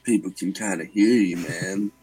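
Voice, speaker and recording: A man playing an easygoing young adult man who talks in a relaxed drawl. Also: sits low, normal speed, slightly rough, rough recording. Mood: laid-back.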